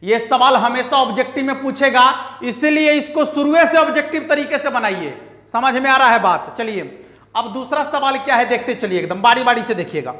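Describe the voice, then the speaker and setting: High bright male math teacher. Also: lively intonation, normal speed. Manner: emphatic and repetitive, scolding banter with students. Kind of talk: online math lesson. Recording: echoey room with long reverb.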